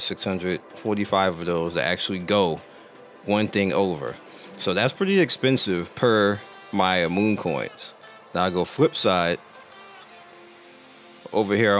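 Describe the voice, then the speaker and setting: A man with a low, deep voice walks viewers through a game's upgrade menus in loose, rambling commentary, often stopping to correct himself. His tone is bright and forceful despite a voice that is starting to go. Faint music plays under him. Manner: rambling, self-correcting, explains while clicking through menus. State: losing his voice. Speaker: gaming channel host. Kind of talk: casual gameplay commentary.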